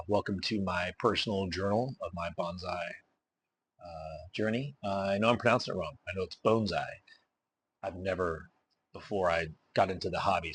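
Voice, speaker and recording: Man, low husky voice, casual hobby vlog host, slow and careful with lots of ums. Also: fairly bright tone. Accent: regional accent. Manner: deliberate, slow, filler-heavy explaining while pruning. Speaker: bonsai hobbyist vlogger.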